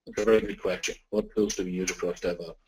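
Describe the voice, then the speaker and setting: An Irishman fields questions as a technology expert, speaking in a measured, deliberate way and repeating points for emphasis. His low voice is steady, darkish and a touch rough, and the recording itself is rough.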